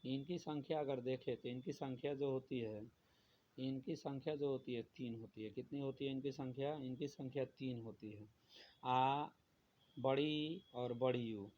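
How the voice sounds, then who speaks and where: In a dull, lo-fi recording with a little faint noise, a man teaches grammar at a slightly slow pace. His medium-pitched voice is a little mellow and fairly even in intonation, and he repeats points and answers his own questions to the class.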